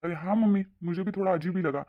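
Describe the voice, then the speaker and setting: A woman voicing a caring young adult son and brother in a cartoon, asking quick, concerned questions. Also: on the low side, close to an everyday voice. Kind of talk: cartoon voice acting. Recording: dull lo-fi sound.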